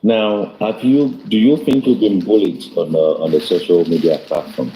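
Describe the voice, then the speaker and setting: A man hosts a discussion with a very deep, very dark voice, encouraging his guest and guiding the talk with questions. The sound is roomy and echoey, with a faint hiss behind it. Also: fairly even intonation, normal speed. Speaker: host. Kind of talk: casual discussion.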